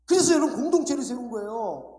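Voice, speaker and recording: High-voiced pastor preaching in an echoey church. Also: male voice, lively intonation, quick pace, mellow. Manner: emphatic preaching, acts out quoted voices. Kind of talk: sermon. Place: church sanctuary.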